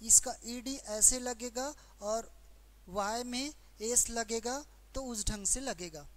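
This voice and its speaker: A woman teacher with a Hindi accent explaining English verb forms in a grammar lesson, asking questions and repeating each answer. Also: a little high. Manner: slow, repetitive explaining with questions to students. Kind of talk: exam-prep grammar lesson.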